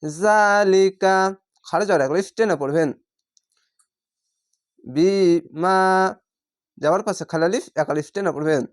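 A Quran reading teacher who gives a patient word-by-word recitation lesson, drawing out each Arabic word slowly before explaining the rule. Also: mid-range voice, darkish tone. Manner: chants Arabic words in drawn-out recitation tone.

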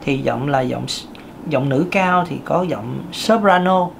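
A man's voice: a little slow, vocal fry, slight background noise. A man with a thin, light voice, giving a casual singing lesson, chatty with many fillers. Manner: chatty, with many fillers and sudden pitch jumps. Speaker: singing teacher.

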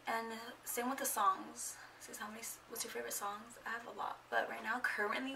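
A woman's voice: fairly high pitch, vocal fry, sharp tone, recorded from a distance, a little hiss or hum, poor audio. A young woman in her twenties chatting casually in a get-to-know-me vlog at home, rambling and a bit awkward, full of fillers. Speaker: vlogger. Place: at home indoors. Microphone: camera microphone.

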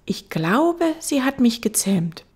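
Woman doing the little prince, high and curious. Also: big pitch swings, slow pace, slightly rough, exaggerated voice. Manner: wondering, eager questions.

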